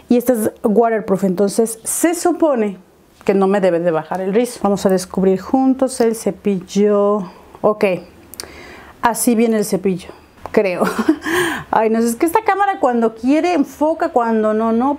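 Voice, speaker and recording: Young woman, mellow voice, chatty makeup vlogger explaining each step. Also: fairly high pitch, animated, measured pace. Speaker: beauty vlogger. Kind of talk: makeup tutorial chat.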